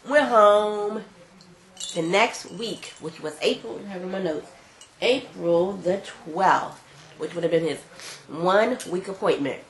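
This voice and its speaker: A woman's voice: fairly low pitch, a little slow. A congested woman vlogging at home, casually telling a personal story and acting out the dialogue. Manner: animated retelling, acting out quoted dialogue. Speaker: vlogger mother. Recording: echoey room with faint background noise.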